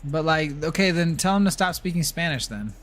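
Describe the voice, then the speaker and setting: A man's voice: on the high side, animated, fairly quick, a bit bright, faint music behind. A man streaming a video game and chatting casually, ranting bluntly and swearing. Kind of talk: casual livestream chat while gaming.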